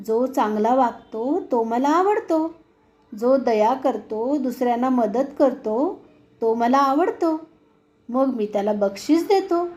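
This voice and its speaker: A woman's voice: sits high, lively intonation, slow pace, a little mellow. A woman voicing a benevolent, fatherly sun god in a storybook tale, speaking in a solemn, instructive way.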